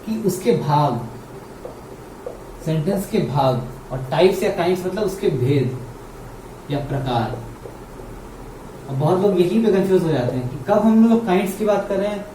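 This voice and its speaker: A man's voice: a little high, warm tone. A man with an Indian English accent teaching English grammar in Hindi. He repeats key words and asks his students questions. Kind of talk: explaining grammar at a board in Hindi. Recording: roomy, mic far off, faint hum.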